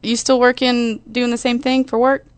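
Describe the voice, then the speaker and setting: A woman's voice: on the high side, level tone, normal speed, clear, resonant tone, no echo. A young woman hosting an internet radio show, chatting casually and a little scatterbrained. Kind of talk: casual chat.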